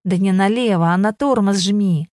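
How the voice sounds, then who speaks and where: A woman voicing a gruff man who shouts and swears while teaching someone to drive, in an audiobook. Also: mid-range voice, normal speed, no room sound, clean studio sound, lightly acted. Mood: exasperated shouting.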